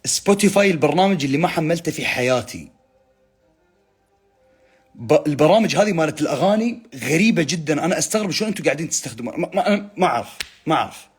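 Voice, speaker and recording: Young guy hosting a phone live, husky voice, very lively pitch; teasing, reads comments aloud. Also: very fast, soft background music. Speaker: livestream host. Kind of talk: casual live chat reading comments.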